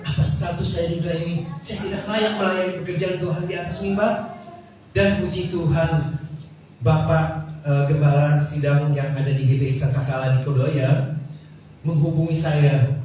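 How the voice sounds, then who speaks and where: A man with a high voice preaches a testimony, speaking directly to the congregation and acting out the conversations he recounts. He sounds distant from the microphone. The hall rings with a lot of echo under a faint hiss. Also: fairly even intonation, a little slow, pauses often, darkish tone. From Indonesia. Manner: storytelling, acts out dialogue, addresses congregation. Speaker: guest preacher. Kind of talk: sermon testimony. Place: church hall. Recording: echoey church hall, distant mic, faint noise.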